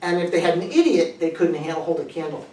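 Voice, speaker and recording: A man playing a pompous male professor who explains bogus word origins in a deadpan, confidently matter-of-fact way, in a comedy sketch. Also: on the high side, fast, close to an everyday voice. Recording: echoey room, mic at a distance.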